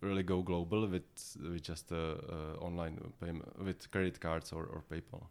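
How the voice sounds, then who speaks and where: A man with a Czech accent answering interview questions in a halting way, often repeating words as he goes. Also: low-pitched, level tone, darkish tone. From Czech Republic. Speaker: podcast guest, head of localization and e-commerce at a software company.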